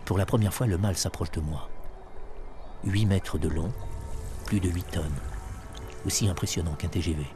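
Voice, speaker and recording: Male documentary narrator, low register, poetic and contemplative scripted delivery, music bed underneath. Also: normal speed, pauses often. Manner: lyrical, reflective. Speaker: diver and filmmaker narrating his own encounters.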